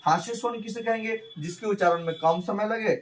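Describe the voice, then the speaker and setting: Guy teaching grammar class, kinda high voice, repeats stuff slow, asks himself questions. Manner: repeats phrases slowly, asks and answers his own questions. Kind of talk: grammar lesson.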